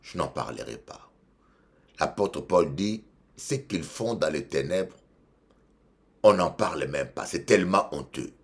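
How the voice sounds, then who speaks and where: An unhurried bishop with a Congolese French accent preaches in a low, animated voice, pausing often. He's emphatic, repeats lines, and moves between loud and quiet passages.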